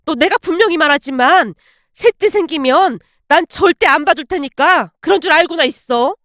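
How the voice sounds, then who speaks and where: A woman voicing a sharp-tongued middle-aged mother who scolds and shouts at her daughter-in-law, in a dry close recording. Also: high-pitched, sing-song, normal speed, no echo. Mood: furious.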